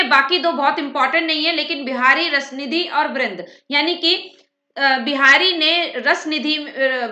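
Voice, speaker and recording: Fast-talking woman teacher, high bright voice. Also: reverberant. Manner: frequent "theek hai" check-ins. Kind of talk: exam-prep lecture.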